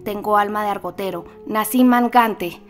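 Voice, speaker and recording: A woman voicing a rowdy, boastful young male student rogue in armor for an audiobook, shouting with drunken bravado. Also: medium pitch, normal speed, soft background music, natural voice. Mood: boisterous.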